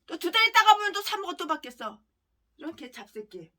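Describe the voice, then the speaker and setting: A woman pastor delivering a fiery, denunciatory sermon, ranting with heavy name-calling and bursts of shouting. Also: very high voice, big pitch swings, fairly quick.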